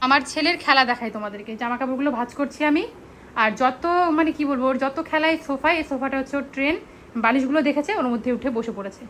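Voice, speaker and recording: Fast, high-voiced chatty young woman. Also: fairly bright tone, a little hiss or hum, poor audio. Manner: chatty, rambling. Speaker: vlogger and mother. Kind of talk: casual home vlog chat. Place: at home, indoors.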